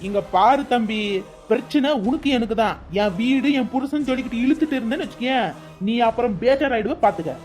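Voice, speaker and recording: A woman voicing a sharp-tongued neighbor who gives blunt warnings in a cartoon. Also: a little high, a little fast, faint music behind, natural voice. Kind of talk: cartoon dialogue.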